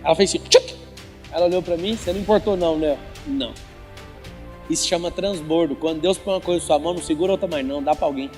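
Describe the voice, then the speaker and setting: High-voiced man teasing a live crowd. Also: quick pace. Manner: teasing, quizzes the audience directly. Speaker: motivational speaker. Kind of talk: live motivational talk with religious teaching. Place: large event venue with live audience. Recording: reverberant event hall with faint music.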